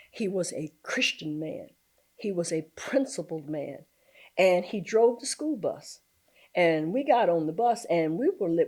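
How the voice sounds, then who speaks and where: Lively older woman telling stories. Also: on the low side. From southern Virginia, US. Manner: animated storyteller who slips into folksy Southern talk and laughs often. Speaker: interview guest, community activist. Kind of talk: storytelling in a conversational interview.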